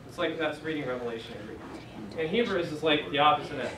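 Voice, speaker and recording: A young man with a fairly high-pitched, fast voice teaches a Greek class in a casual, conversational manner, dropping in lots of fillers. It's a classroom lecture captured by a distant camera in a church meeting room, so the sound is echoey and noisy.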